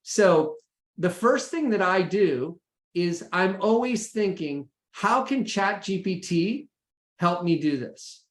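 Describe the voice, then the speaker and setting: This man's high voice is animated but slow. An American presenting an informal, practical session, he chats with his audience and frequently checks in with "right?" and "okay?". The recording has an echoey room quality.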